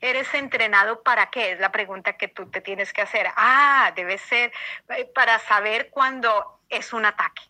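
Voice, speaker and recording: A woman preaches to her congregation in a high, piercingly bright voice. She hammers her points home by repeating them and keeps asking the listeners questions. Her sermon style is earnest and insistent. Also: a little slow, rough recording. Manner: emphatic, repeats phrases, asks the audience questions.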